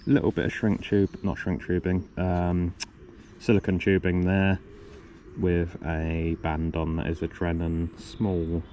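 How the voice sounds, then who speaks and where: A man vlogging outdoors by the water, casually talking through his fishing gear with lots of ums, and coughing now and then. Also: low-pitched. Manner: relaxed, rambling, lots of ums and self-corrections. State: coughing a lot. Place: outdoors on a riverbank. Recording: outdoor recording with clear background noise.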